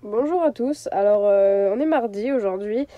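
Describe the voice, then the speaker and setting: A young woman with a stuffed-up nose from a cold chats into her phone from her camper van in a casual vlog to camera. Her medium-pitched voice is animated at a moderate pace but hesitant, with many fillers, and the phone-mic audio is dull, with no echo.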